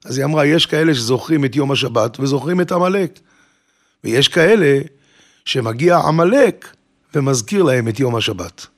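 A man preaching a sermon, telling a story and acting out its characters. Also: medium pitch. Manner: animated storyteller, acts out characters.

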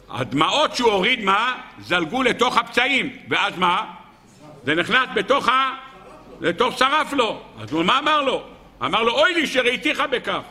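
A man preaches a sermon with a high, very bright and piercing voice. He keeps asking the audience questions and answering them himself, with a joking touch. The sound carries a long reverb from the hall. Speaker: rabbi giving a Torah talk. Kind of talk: sermon with storytelling.

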